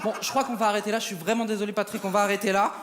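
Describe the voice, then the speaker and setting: A man's voice: high voice, little pitch movement, racing, fairly bright tone. A man performing as a ventriloquist, scolding his puppet with exasperated laughter. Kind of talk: ventriloquist stage act. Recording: echoey live stage with crowd noise.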